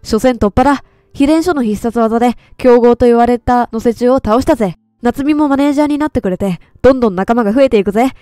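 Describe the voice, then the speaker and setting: A woman's voice: on the high side, quick pace, hardly any pauses, dark tone, dry recording, clean studio sound, lightly acted. A woman reading game lines aloud as a cheerful, earnest teenage boy soccer captain. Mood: proud.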